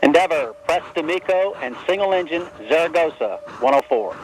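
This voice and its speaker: A man's voice: a little high, expressive, a little fast. A man calling clipped, procedural commands from mission control over a distant, crackly air-to-ground radio link. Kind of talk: terse radio callouts.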